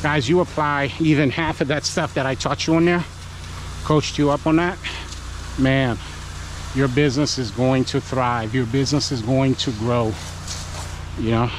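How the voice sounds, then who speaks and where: A man's voice: medium pitch, steady tone, unhurried, pauses often. A man hosting a work vlog, chatting and coaching viewers while he washes a house outdoors. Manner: chatty, encouraging, talks to viewers while working. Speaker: pressure washing business owner and channel host. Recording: noisy outdoor recording.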